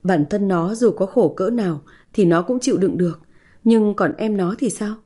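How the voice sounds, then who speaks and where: A woman storyteller reading a sad village tale in a steady, plaintive way. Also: mid-range voice, moderate pace, husky. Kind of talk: scripted narration of a folk tale.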